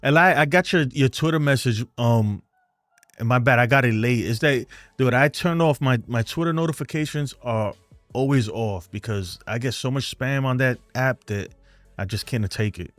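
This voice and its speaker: A man's voice: medium pitch, moderate pace, fairly bright tone, dry recording, soft background music. A man with a New York accent hosting a fan live stream, chatting loosely and rambling as he answers viewer comments. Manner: rambling, talkative, loose and frank.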